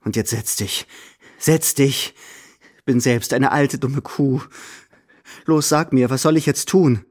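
A man's voice: mid-range voice, slow pace, long pauses, darkish tone. A man voicing an imperious, impatient old grandmother at the roulette table, scolding and hissing orders. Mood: coaxing.

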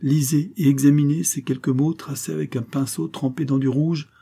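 A man reading a novel aloud, voicing a proud and commanding noblewoman with a forceful, insistent delivery. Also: fairly high pitch, fairly even intonation, moderate pace, gravelly, breathy edge, voice pushed up.

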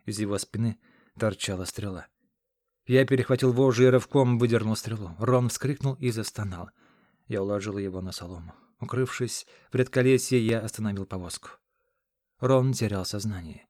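A man narrating a first-person fantasy audiobook in a measured, dramatic reading. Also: fairly low pitch, warm tone, dry recording. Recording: dry close studio sound.

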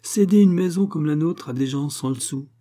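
Man putting on a shrill nagging bourgeois wife. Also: mellow, lightly acted. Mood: scolding. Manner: sarcastic, nagging, quick to scold. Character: shrill scolding middle-aged bourgeois wife. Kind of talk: audiobook character reading.

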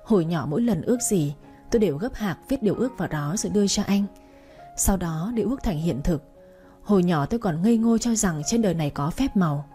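A woman's voice: on the low side, lively intonation, quick pace, warm tone, soft background music. A woman narrating a first-person romance story in a mournful, emotional way, like an audiobook reading.

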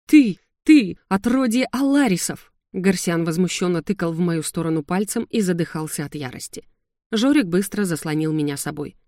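An audiobook reader giving scripted first-person fantasy narration in an even, measured way. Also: medium pitch, no room sound, clean studio sound.

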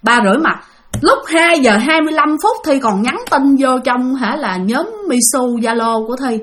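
A woman's voice: high voice, moderate pace. A woman casually telling a spooky first-person story, referring to herself in the third person and speaking directly to her listeners.

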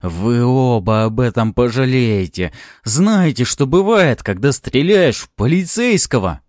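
A man voicing a fat, crooked cop who blusters and shouts threats in an audiobook. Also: fairly low pitch, big pitch swings, moderate pace, no room sound, clean studio sound. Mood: threatening.

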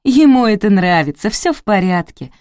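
In a clean, studio-quality recording with no room sound, a woman voices a self-pitying, middle-aged housekeeper in an audiobook, complaining constantly. Her mid-range voice is sing-song and darkish at a moderate pace, raised a bit above her natural pitch but still near an everyday voice.

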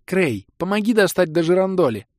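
A man voicing an excitable young woman thief who squeals and complains in an audiobook. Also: sits high, brisk, no room sound, studio quality, pitched above the performer's own voice. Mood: pleading. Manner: squealing, indignant.

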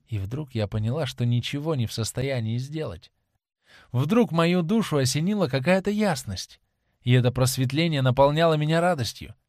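A man's voice: mid-range voice, a little mellow, no echo, natural voice. Passionate, devoted young actress, read by a man, pleading, plain mid voice, dry close recording. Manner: impassioned, pleading. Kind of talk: audiobook reading.

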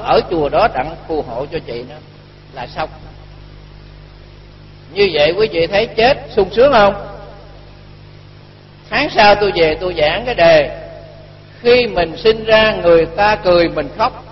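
A man's voice: sits high, animated, measured pace, long pauses, a little hiss or hum. A man, a Buddhist monk giving a storytelling sermon and acting out the dialogue in his tale. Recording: dull lo-fi recording with long reverb.

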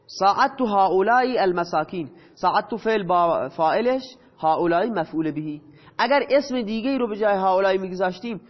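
A man with a high-pitched voice teaches grammar, asking his students questions and then answering them himself. The audio is dull and lo-fi, and a long reverb trails after each phrase.

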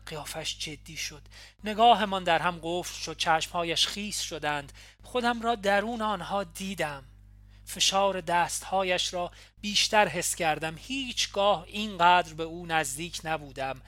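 A woman narrating an audiobook in the first person, calm and measured. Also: low voice, dry recording. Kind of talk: audiobook reading.

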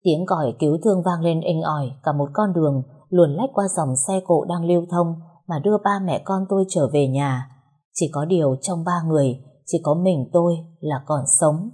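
A woman narrating a first-person story in a somber, measured way. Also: deep voice, warm tone, breathy edge.

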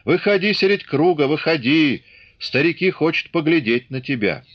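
A man voicing a hearty Cossack officer calling out loudly to a village crowd in an audiobook. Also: on the high side, expressive, moderate pace, muffled recording, pitched above the performer's own voice. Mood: rousing. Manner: loud, rousing, calling out.

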